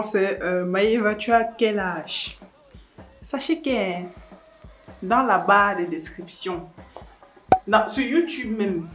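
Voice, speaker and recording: A woman, chatting casually through viewer questions in a teasing, laughing way. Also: mid-range voice. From Cameroon. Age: 20s. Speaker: YouTuber. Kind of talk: casual vlog Q&A.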